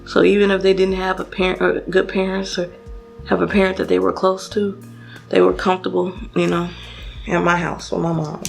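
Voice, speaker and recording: A woman's voice: fairly low pitch, level tone, moderate pace, gravelly, soft background music. A young woman telling a personal story to her viewers while doing her makeup, casual and chatty with lots of fillers and restarts. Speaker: beauty vlogger.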